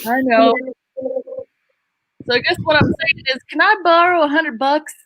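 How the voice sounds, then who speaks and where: A woman improviser playing a scene, playful and quick to change her tone. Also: high-pitched, fairly bright tone, dry recording. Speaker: improv player.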